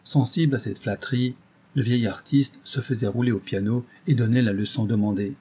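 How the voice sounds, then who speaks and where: A man reading a story aloud in measured scripted narration. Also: mid-range voice, fairly even intonation, dark tone, slightly rough.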